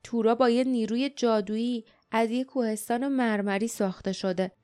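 A woman reading the part of a calm, proud young man who explains things quietly and quickly in an audiobook. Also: fairly high pitch, clear, resonant tone, soft background music, lightly acted. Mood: quiet explaining.

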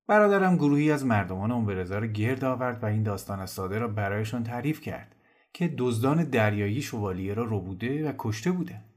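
A man narrating a novel in a calm, measured storytelling voice. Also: mid-range voice.

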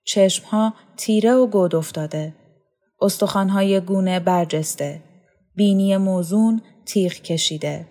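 A woman narrating a story in a calm, measured reading voice. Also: medium pitch. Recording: faint music underneath.

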